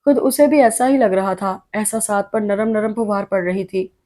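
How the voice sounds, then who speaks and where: A woman reading a novel aloud as narrator, with a steady, even storytelling delivery. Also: medium pitch, moderate pace. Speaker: audiobook narrator.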